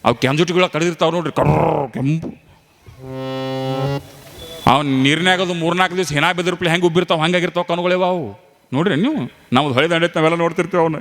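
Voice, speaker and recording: Male preacher, folksy animated sermon storytelling, very high voice.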